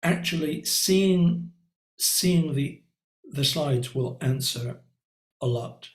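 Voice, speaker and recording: A man's voice: fairly high pitch, slow pace, reverberant, low-quality recording. A male art teacher leading a live online painting class, talking in a reflective, conversational way with many ums and little asides. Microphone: computer mic on a video call.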